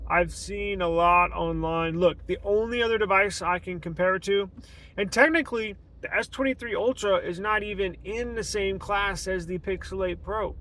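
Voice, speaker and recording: An American man talking casually and haltingly as a tech reviewer, thinking aloud into a phone in a car. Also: high-pitched, pushed and bright. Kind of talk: casual rambling vlog talk. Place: inside a car. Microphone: phone selfie camera mic. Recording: noisy car interior phone recording. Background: car and road noise.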